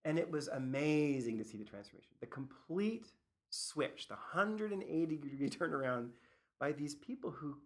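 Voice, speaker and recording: Animated man, product manager interviewee. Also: on the high side, moderate pace. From Canada. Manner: animated storyteller, acts out other people's lines. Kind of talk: interview answers.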